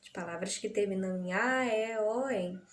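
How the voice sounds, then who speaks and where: A woman's voice: medium pitch, normal speed. A woman teacher with a Brazilian accent explaining grammar in a remote lesson, patient and checking in with frequent tag questions. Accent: Brazilian Portuguese.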